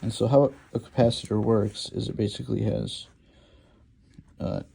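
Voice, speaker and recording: A man's voice: on the low side, fairly even intonation, normal speed, vocal fry, mellow, husky. A man giving a rambling, informal lecture while drawing, hesitant with many ums and restarts. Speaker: lecture host.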